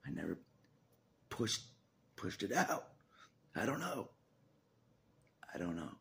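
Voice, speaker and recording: A religious vlogger, a man in his forties, rambles through a personal vlog in a fairly low, sing-song voice that is slow, creaky and slightly bright. He restarts hesitantly, repeats phrases and drops half-whispered asides, filming on a phone held at arm's length in a small room.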